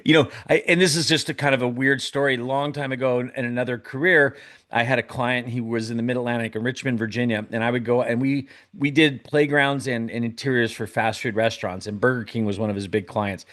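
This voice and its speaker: A man's voice: medium pitch, fairly even intonation, a little fast, fairly bright tone. A man co-hosting a casual car talk show, telling a funny anecdote with laughs. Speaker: co-host. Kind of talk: casual chat.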